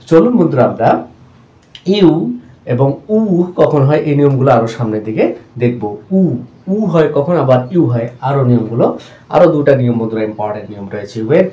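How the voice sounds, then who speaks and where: A man teaching English pronunciation rules. His voice is mellow and dark. He repeats each example word slowly and keeps calling his viewers friends, and the recording has a roomy echo. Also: mid-range voice, highs cut off. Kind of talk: explanatory lesson.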